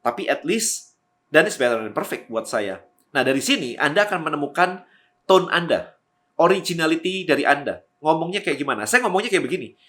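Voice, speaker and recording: A man talking quickly and energetically to camera, giving tips on making content. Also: on the high side. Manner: fast-talking, lively, energetic. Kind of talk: energetic how-to talk to camera.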